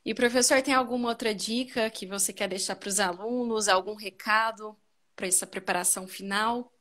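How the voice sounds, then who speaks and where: A woman's voice: medium pitch, steady tone, normal speed, sharp tone. A woman with a Brazilian Portuguese accent hosting a live stream, thanking a guest politely and making announcements. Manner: friendly, polite, wraps up with announcements.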